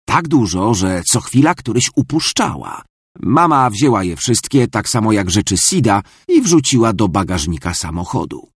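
A man reads a children's story in a fairly low, husky voice. His pitch moves in a lively way from phrase to phrase. The sound is dry and close. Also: moderate pace, no room sound. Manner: expressive storytelling. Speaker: narrator. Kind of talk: children's story read aloud.

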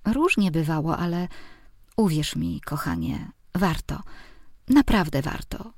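A woman's voice: sits low, wildly swooping pitch, unhurried, a little mellow, dry recording, studio quality, full character voice. A woman voicing a bossy, meddling mother who scolds and fusses at her grown children. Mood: fussing. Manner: scolding, insistent, fussing.

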